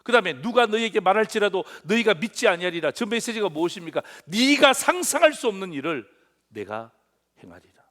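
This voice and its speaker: A middle-aged man preaching from the pulpit, with a high voice that swings widely in pitch. He keeps asking the congregation questions and acts out short exchanges in different voices. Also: big pitch swings, a little fast, a bit bright. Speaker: pastor. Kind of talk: sermon.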